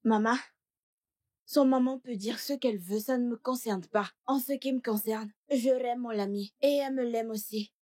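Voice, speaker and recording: A woman's voice: a little high, darkish tone, lightly acted. Woman doing a brash chatty village girl. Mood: defiant. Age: young adult. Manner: talkative, thinks aloud, quick retorts. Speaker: dub actress. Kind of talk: dubbed film acting.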